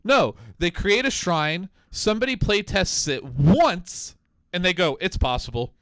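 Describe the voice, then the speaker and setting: A man co-hosting a casual gaming podcast chat, talking in an animated way, swearing freely and mock-quoting game developers. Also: high voice, unhurried, dry recording. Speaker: podcast co-host.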